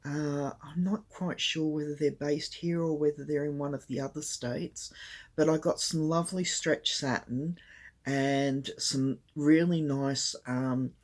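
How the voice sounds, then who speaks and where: Croaky older woman chatting. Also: low voice, fairly even intonation, measured pace. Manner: rambling, full of ums. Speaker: craft channel host. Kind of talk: casual chat to camera. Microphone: tablet camera mic.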